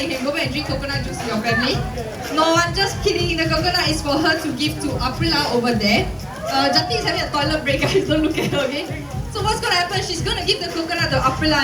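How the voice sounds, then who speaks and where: A woman with a high voice and a Singaporean accent cheerfully, playfully hosts a live zookeeper talk, coaxing the audience to participate, at an open-air covered viewing stand in a zoo. She uses a handheld PA mic, and the clip is filmed from the audience at a distance, with echoey speakers and music behind.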